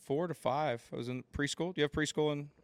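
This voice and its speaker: A man's voice: on the high side, fast talker, dry recording. Joking American man in his thirties. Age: 30s. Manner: joking, playful banter. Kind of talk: casual chat.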